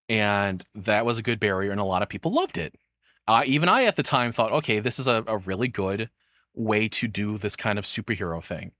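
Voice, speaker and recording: In a very dry recording without echo, a man rambles casually like a streamer reacting, blunt and cursing freely. His voice is fairly low, bright and forceful.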